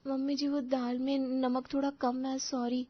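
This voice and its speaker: A woman's voice: high voice, flat delivery, unhurried, voice pushed up. A woman voicing a timid, nervous young daughter-in-law who stammers and hesitates. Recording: slightly dull lo-fi recording.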